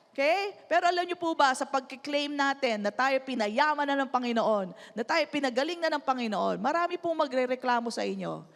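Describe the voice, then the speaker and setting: A Filipino woman pastor preaches a sermon in a high, ringing voice. Her words echo with a long reverb through a church hall. She often stops to have the congregation repeat lines after her. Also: fairly bright tone. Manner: mixes English and Tagalog, asks the church to repeat lines.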